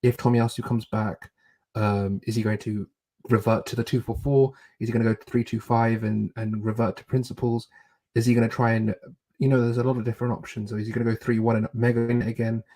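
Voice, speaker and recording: A man talks tactics on a football podcast in a lowish, very even tone with little rise and fall. He muses aloud, stacking up questions about possible line-ups. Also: brisk. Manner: musing, lists tactical options in questions. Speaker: podcast co-host. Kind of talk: casual football chat.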